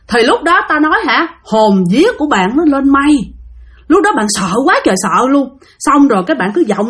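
Woman, Southern Vietnamese accent, ghost story, animated, talks to listeners, lively pitch. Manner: animated, addresses listeners directly.

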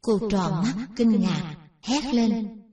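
A woman reads a Buddhist dharma story in a measured, plain way, her voice mellow and dark. She sounds set back from the mic in a room with a clear echo. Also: mid-range voice, expressive. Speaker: narrator of a Buddhist teaching story. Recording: roomy echo, distant from mic.

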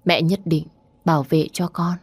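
A woman voicing a gentle, guarded young mother in an audio story. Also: sits low, little pitch movement, moderate pace, husky, dry recording. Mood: tender.

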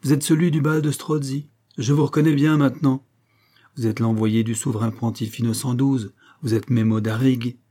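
A man's voice: mid-range voice, fairly even intonation, moderate pace, warm tone, close to an everyday voice. A man voicing a proud old Florentine count, a stern noble father who speaks in a lofty, declamatory way. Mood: solemn.

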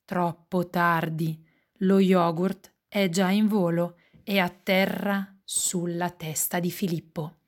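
A woman who works as an educator and musician, reading a picture book aloud for young children in an expressive way. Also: lowish voice. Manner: slow, expressive storytelling.

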